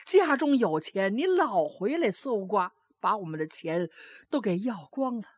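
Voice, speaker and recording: A woman's voice: fairly high pitch, animated, a little slow, no echo, clean studio sound. Woman doing a wailing remorseful old grandmother. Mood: scolding. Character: grieving old grandmother, scolding then remorseful.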